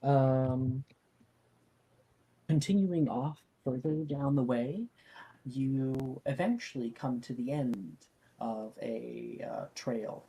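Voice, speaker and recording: Game master, slow pace, mid-range voice, halting improvised narration of a fantasy tabletop game. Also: medium pitch, warm tone, low-quality recording.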